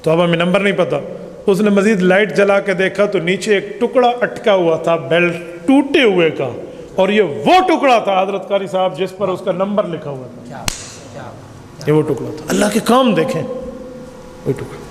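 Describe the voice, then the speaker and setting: A man's voice: high-pitched, animated. A man giving a sermon as a mufti, telling stories emphatically and acting out dialogue. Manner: emphatic storytelling, acts out dialogue. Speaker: mufti, preacher. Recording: echoey hall with faint background noise.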